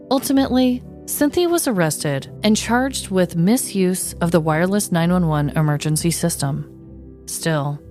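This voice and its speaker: Her voice is fairly low with a darkish tone; this woman co-hosts a podcast, narrating a scripted story before moving into relaxed conversation with the audience.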